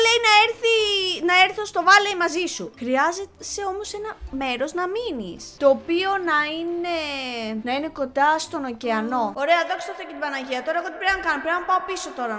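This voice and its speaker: A woman's voice: sits high, bright, forceful tone. A young woman casually commenting on her own gameplay, chatty and often exasperated, talking to her viewers and to the game characters. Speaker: gaming channel host. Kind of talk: casual let's-play commentary. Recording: faint game music behind.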